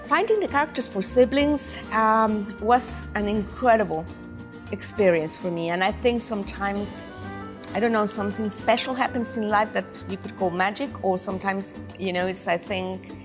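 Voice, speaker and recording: A woman's voice: mid-range voice, normal speed, music in the background. Reflective Mexican woman film director. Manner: searching, restarts mid-sentence, reflective. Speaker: documentary director. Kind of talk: interview answers.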